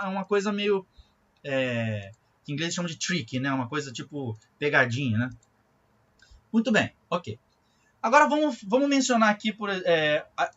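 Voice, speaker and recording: Bright, lively Brazilian music teacher. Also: male voice, high voice. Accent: Brazilian Portuguese. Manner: explains patiently, checks in with frequent tag questions; chants syllables in rhythm while demonstrating. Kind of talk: recorded music lesson. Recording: dull lo-fi audio.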